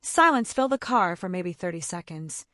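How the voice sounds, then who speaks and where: A woman narrating a first-person story in a lively, expressive reading style. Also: fairly low pitch, moderate pace, no room sound, clean studio sound.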